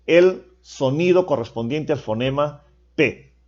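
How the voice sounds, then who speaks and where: A male teacher gives a lecture in a slightly high voice, explaining step by step. He keeps checking in with rhetorical questions. The recording sounds dull and lo-fi. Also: a little slow, darkish tone. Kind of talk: classroom lecture.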